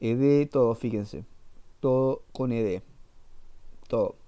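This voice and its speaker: A man's voice: medium pitch, slow, mellow, smooth, dull audio. A man teaching an English class, explaining patiently and repeating himself with fillers. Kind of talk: online class lesson.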